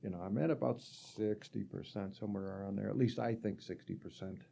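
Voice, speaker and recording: Gravelly older man, low and mellow. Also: brisk, slight background noise. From Rochester area, New York. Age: 60s. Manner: chatty, rambling, frequent fillers and restarts. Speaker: guest. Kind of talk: casual conversational storytelling.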